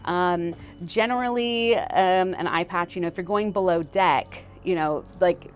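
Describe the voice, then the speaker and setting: A woman's voice: on the low side, measured pace, soft background music. A woman historian explaining as a guest in a casual way, full of "like" and "you know". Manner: chatty, filler-heavy with frequent 'like, you know'.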